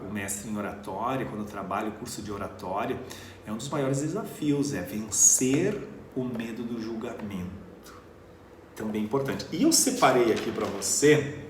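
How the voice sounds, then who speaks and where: A man coaching public speaking to camera, earnest and stressing words with slow, emphatic pauses. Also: medium pitch, darkish tone, reverberant, a little hiss or hum. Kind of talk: motivational talk to camera.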